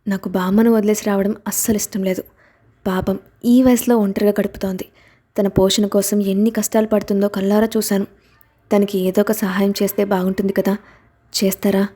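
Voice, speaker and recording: A woman reading an audiobook aloud and voicing an emotional young wife who is quick to protest, her pitch and volume lifting a little above her narration. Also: level tone, dark tone, natural voice. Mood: pleading.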